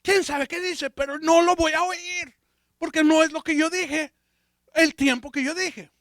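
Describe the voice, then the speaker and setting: A preacher putting on the voice of God, offhand and dismissive. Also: male voice, extremely high pitch, steady tone, a little slow, fairly bright tone, no room sound, clean studio sound, pitched above the performer's own voice.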